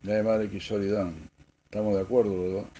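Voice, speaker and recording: A man, a spiritual teacher preaching a sermon, moving from soft asides to emphatic stressed words and clearing his throat often. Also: lowish voice, flat delivery, brisk, highs cut off, slight background noise.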